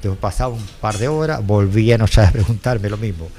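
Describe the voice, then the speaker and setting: A man's voice: on the low side, fast talker, mellow, a little hiss or hum. An older man with a Chilean accent giving a rambling personal testimony, often repeating himself and quoting what others said. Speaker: interviewee, former driver.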